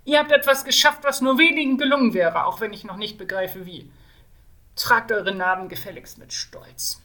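A woman voicing a suspicious, gruff male inquisitor who snaps orders, in a fantasy story she reads aloud. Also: mid-range voice, fairly even intonation, unhurried, bright, forceful tone. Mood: snapping. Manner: curt, snapping.

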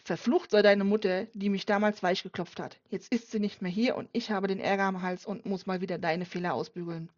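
A woman's voice: medium pitch, steady tone, a little fast, few pauses, close to an everyday voice. A woman reading an audiobook voices a furious, contemptuous wealthy father who hisses his words harshly. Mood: scornful. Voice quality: hissing, harsh. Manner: loud angry outbursts. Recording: dull dry lo-fi recording.

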